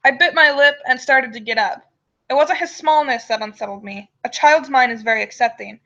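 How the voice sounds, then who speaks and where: A woman's voice: high voice, a little fast, pushed and bright. A woman storyteller reading a first-person tale aloud on a dull, lo-fi microphone. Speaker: storyteller and show host.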